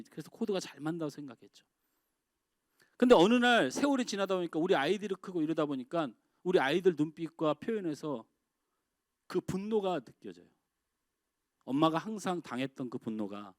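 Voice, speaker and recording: A middle-aged male pastor preaching a sermon in a church, talking with the congregation through rhetorical questions and swinging between raised exclamations and quiet, dropped phrases. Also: fairly high pitch, no echo, studio quality. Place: church sanctuary.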